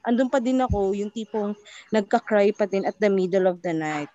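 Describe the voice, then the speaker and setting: A woman's voice: mid-range voice, expressive, normal speed, dark tone, lo-fi sound. A woman in her twenties, a podcast guest, chatting casually and switching freely between English and Tagalog. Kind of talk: casual chat.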